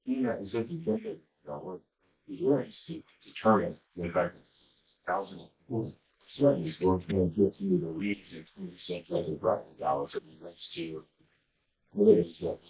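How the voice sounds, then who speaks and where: Soft-spoken defense lawyer, muffled courtroom. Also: male voice, low-pitched, very animated, moderate pace. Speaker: defense attorney. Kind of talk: courtroom argument.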